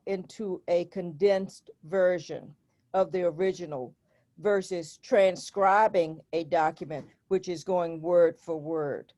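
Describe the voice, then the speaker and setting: Brief: low, mellow woman guest, slow and measured explainer. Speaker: guest, historical society member. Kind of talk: explanatory conversation.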